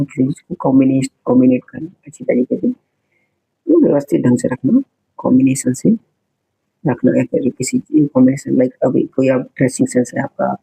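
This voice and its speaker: Man, spelling lesson, letter-by-letter spelling, repeats each word, gravelly, husky. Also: medium pitch, dark tone, low-quality recording. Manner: addresses viewers directly, explaining meanings. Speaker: exam prep teacher.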